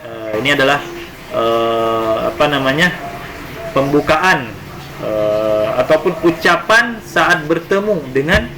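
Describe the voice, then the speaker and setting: In Indonesian, a man gives an Arabic lesson, reading phrases aloud before translating and explaining them step by step. He speaks slowly and expressively in a fairly high voice, with faint noise in the background.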